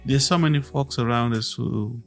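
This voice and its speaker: A man from Zimbabwe hosting a podcast, talking in a slow, earnest and reflective way with restarts. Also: medium pitch, faint music behind. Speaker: podcast host.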